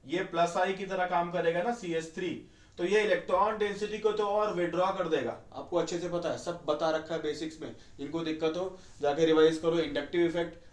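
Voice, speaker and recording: Hindi-speaking male chemistry teacher, echoey room. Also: a little high. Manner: conversational, asks students rhetorical questions. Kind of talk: online exam-prep lecture.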